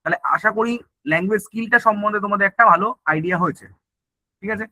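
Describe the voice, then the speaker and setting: The recording is dry and the audio poor, but this man's high-pitched, bright, forceful voice comes through at a rapid-fire pace. Teaching an online exam-prep lecture, he asks questions and answers them himself, mixes English terms into Bengali, and often says "ঠিक আছে?" to mean "okay?".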